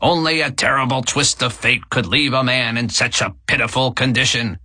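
A man narrating voices a carnival sideshow barker, with showy, booming sales patter that sounds tinny, as through a megaphone. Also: moderate pace, bright, forceful tone, breathy edge, no echo. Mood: dramatic.

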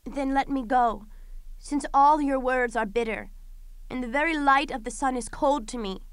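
A doomed young tragic princess, acted by a woman, speaks in a high, smooth, resonant voice. She declaims her grief solemnly, with defiance, as in classical Greek drama. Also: moderate pace, no echo, close to an everyday voice. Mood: bitter grief. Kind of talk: classical Greek tragedy audio performance.

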